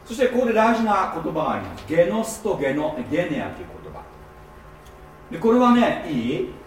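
A man preaching at a seminar, teaching with lively emphasis and often checking in with his listeners. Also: high voice, fairly quick, a little hiss or hum. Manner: animated teaching with frequent rhetorical checks. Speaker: pastor. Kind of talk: seminar sermon. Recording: echoey hall, mic at a distance.

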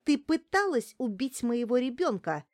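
A woman voicing a furious young woman in an audiobook, shouting with hatred. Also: sits high, sing-song, unhurried, dry recording, studio quality, voice pushed up. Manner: shouting, hateful. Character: furious young woman, wronged expectant mother.

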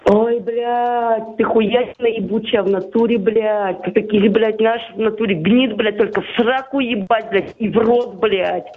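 A woman's voice: a little high, fairly even intonation, measured pace, few pauses. A woman arguing angrily on a phone call, cursing and threatening nonstop. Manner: aggressive, swearing, threatening. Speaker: prank call target. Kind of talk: heated phone argument. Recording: tinny phone line.

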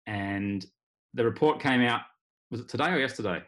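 A man's voice: mid-range voice, moderate pace, a bit bright. An Australian man hosting a casual sports podcast, talking in a wry, rambling way. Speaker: podcast host. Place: remote video call.

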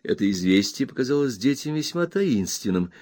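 A man reading a classic novel aloud as an audiobook narrator, measured and storytelling. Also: mid-range voice, very animated, a little mellow, no room sound, clean studio sound.

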